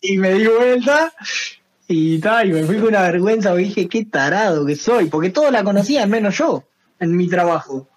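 Un hombre de San José, Uruguay, con acento uruguayo, invitado de una charla, que cuenta anécdotas de forma relajada y con mucha jerga. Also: male voice, high-pitched, normal speed. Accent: Uruguayan Spanish. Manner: relaxed storyteller, slangy, repeats phrases. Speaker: guest, singer and streamer. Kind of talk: casual chat, telling anecdotes.

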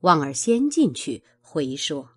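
Woman storyteller, expressive dramatic narration, slow and unhurried, wide-ranging pitch. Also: husky. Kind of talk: storytelling reading of a classical novel.

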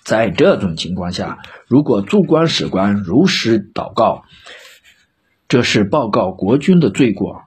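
A man's voice: fairly low pitch, sing-song, slightly rough, heavily acted. A man voicing a shrewd, stern old chancellor. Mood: measured. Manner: measured, admonishing.

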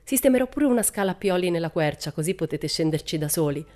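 A woman voicing a bold, cheerful young girl in a storybook reading, speaking briskly with a raised voice. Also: on the low side, animated, warm tone, lightly acted. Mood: tender.

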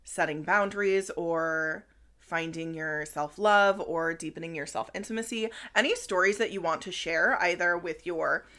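A woman in her thirties co-hosting a podcast in relaxed casual chat, with many fillers, sometimes dropping to a near whisper. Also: fairly low pitch, moderate pace. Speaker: podcast co-host.

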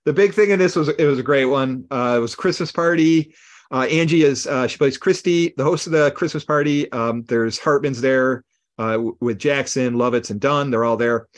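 A man co-hosting a podcast, retelling old comedy sketches in an animated way and acting out lines with gasps and laughs. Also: mid-range voice, moderate pace. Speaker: podcast co-host. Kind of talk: casual chat recapping old comedy sketches.

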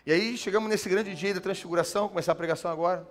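Male pastor, high register, lively sermon delivery that drops soft and slow at times. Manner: animated, swings from loud emphatic to soft and slow.

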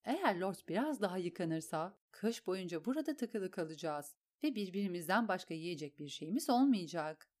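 A woman voicing a composed, practical grown woman in an audiobook, speaking in a calm, level way. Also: on the low side, moderate pace, few pauses, natural voice. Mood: cool. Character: steady, composed woman Maya, practical and cool.

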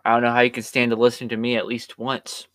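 A tired man chatting casually as a podcast co-host, drifting from point to point with a middle-pitched voice. The sound is close and dry. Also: monotone, quick pace, pushed and bright, no echo. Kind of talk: casual chat.

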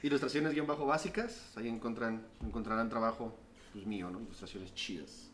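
A man with a Mexican accent, a podcast guest who teases his friends in rapid-fire slang. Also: lowish voice, a bit bright, slight background noise. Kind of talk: casual podcast chat.

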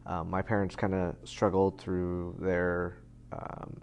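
A man's voice: deep voice, completely flat delivery, slow pace, darkish tone, a little hiss or hum. A man in his thirties, a guest in a casual conversation, talking in a rambling way with many fillers and restarts. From United States. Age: 30s.

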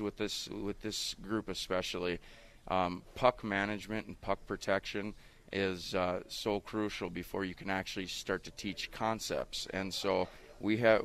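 A man in his thirties, a high school hockey coach, explaining earnestly in a radio interview, his voice muffled by a face mask. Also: fairly bright tone. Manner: earnest, explanatory, frequent "you know".

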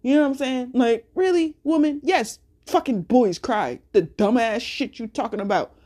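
A woman's voice: fairly high pitch, normal speed, darkish tone. A woman hosting a casual solo podcast, speaking bluntly and cursing a lot as she tells a story with speech. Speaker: podcast host.

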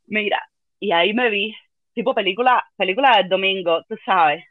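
A woman's voice: mid-range voice, moderate pace, no echo, phone-quality sound. A woman with a Cuban accent telling a funny personal story in a dramatic, self-mocking way. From Cuba. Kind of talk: comic storytelling chat.

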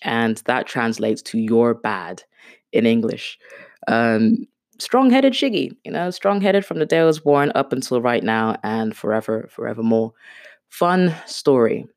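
This is a podcast host: a woman in her thirties from Kenya whose first language is Swahili, speaking at an extremely low pitch, a little slowly, with a darkish tone. The studio-quality recording is dry. Her unplanned, casual monologue rambles along, chatty and self-mocking, packed with fillers.

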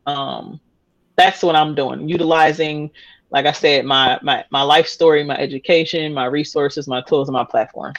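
A woman's voice: low-pitched, steady tone, normal speed, highs cut off. A woman in her thirties, a podcast guest telling her story candidly, rambling with many fillers and restarts and laughing often. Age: 30s.

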